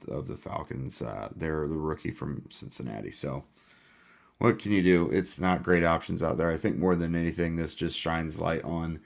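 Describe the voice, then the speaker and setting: A man with a low voice hosts a casual sports podcast, hoarse and losing his voice. His delivery is laid-back and full of "uh" fillers.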